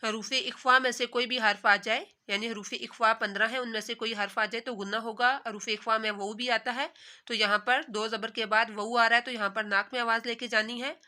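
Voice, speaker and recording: A woman with a Pakistani Urdu accent teaching recitation, with a very bright, sharp tone and a slightly high voice. She chants each word slowly and stretched out, then rattles off the rule behind it in a quick explanatory voice. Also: steady tone. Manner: recites words slowly and drawn out, then explains rules rapidly. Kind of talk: tajweed lesson, alternating slow recitation and quick explanation.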